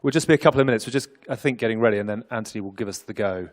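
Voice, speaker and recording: A man's voice: on the low side, very fast. A man hosting a live press conference, speaking informally and jokingly to the room with teasing, rallying banter.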